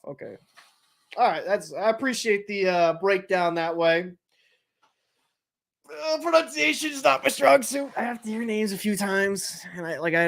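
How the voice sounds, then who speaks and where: Young male streamer, slightly high voice, casual rambling chat and play-by-play. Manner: chatty, joking, answers live chat, loose and rambling. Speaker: livestream host. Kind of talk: casual watch-party chat and commentary.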